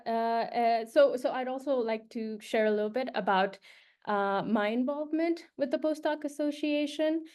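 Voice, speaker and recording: The voice is a woman's, a little high, smooth and a touch mellow. She is a young postdoctoral researcher from Nepal addressing prospective postdocs informally, often using fillers and restarting sentences.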